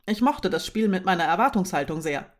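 A woman voicing Nurek, a frank and thoughtful young woman, in an emphatic, lively storybook reading. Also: on the low side, a little fast, lightly acted.

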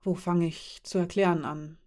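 A woman reading the lines of a calm, friendly man who is part elf and part dwarf, explaining things with quiet amusement. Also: lowish voice, normal speed, lightly acted.

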